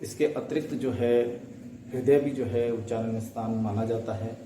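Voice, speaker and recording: A man's voice: medium pitch, fairly even intonation, moderate pace, background noise. A male teacher giving a lesson, reciting letters one by one and asking and answering his own questions. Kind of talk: Sanskrit phonetics lesson. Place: classroom or room, writing on a board. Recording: echoey room, voice from a distance.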